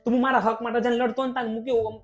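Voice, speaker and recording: Young male guest, rapid-fire and emotional, faint music under the voice. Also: very high voice. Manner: emotional, animated, talks in rushed bursts. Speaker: podcast guest, vlogger. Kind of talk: casual podcast conversation.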